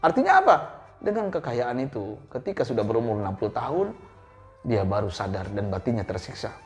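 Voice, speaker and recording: A male preacher giving a storytelling sermon, addressing listeners directly. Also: brisk. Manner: animated, swinging pitch, addresses listeners directly.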